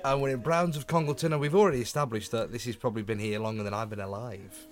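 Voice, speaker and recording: A man presenting a local radio segment, chatting with shopkeepers and asking quick, jokey questions. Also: mid-range voice. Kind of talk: casual chatty interview. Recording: music playing under the voice.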